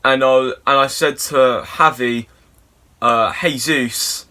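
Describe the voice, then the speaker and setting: Young guy, bright voice, mid pitch, telling a silly tale with casual swearing and dry humor. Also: slow pace. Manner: rambling, sweary, deadpan absurd humor. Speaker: storyteller. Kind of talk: comic storytime monologue.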